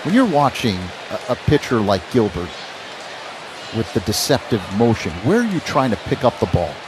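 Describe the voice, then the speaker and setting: The audio is poor, with music and ballpark crowd noise behind an American man calling a live baseball game on radio. His medium-pitched voice swings widely at a moderate pace, clipped phrases tracking each play.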